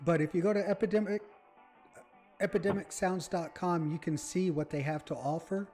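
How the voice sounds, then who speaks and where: A man rambles through his game, chatting to his viewers as he plays. His voice sits a bit high and has a mellow tone. Faint music plays underneath. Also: fairly even intonation, moderate pace. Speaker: gaming channel host. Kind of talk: casual let's-play commentary.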